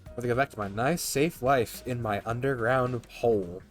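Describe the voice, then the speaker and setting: A man's voice: mid-range voice, moderate pace. A man streaming a game, reading its text aloud and commenting casually with joking asides. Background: game music.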